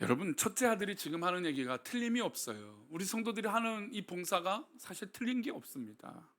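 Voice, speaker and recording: A male senior pastor preaching a sermon, asking the congregation rhetorical questions and swinging between soft and loud delivery. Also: sits high, very animated, brisk.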